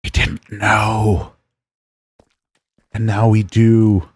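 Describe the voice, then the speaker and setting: A man's voice: fairly low pitch, completely flat delivery, extremely slow, husky, dry recording. An American man chatting casually while streaming a game, rambling and musing aloud as he plays. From United States. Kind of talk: casual gameplay chat with chat.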